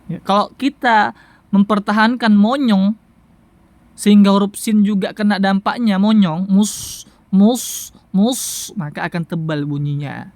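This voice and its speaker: A Quran recitation teacher giving a tajwid lesson, patiently repeating syllables slowly for the listener to practice. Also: mid-range voice, dry recording. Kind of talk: tajwid lesson with sound drills.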